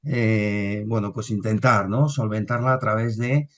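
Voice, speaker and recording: A man's voice: fairly low pitch, fairly even intonation, a little slow. A man, hosting a business podcast, hesitant and often restarting his sentences. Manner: hesitant, with many fillers and restarts. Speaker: podcast host.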